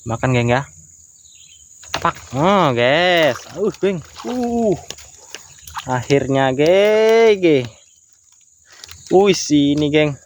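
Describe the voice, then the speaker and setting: A man's voice: fairly high pitch, lively intonation, drawn-out words, long pauses, a little hiss or hum. A young man chatting casually while fishing outdoors, tacking a friendly filler word onto nearly every phrase. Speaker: fishing vlogger. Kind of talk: casual fishing vlog commentary. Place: outdoors by water in the countryside. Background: crickets and insects.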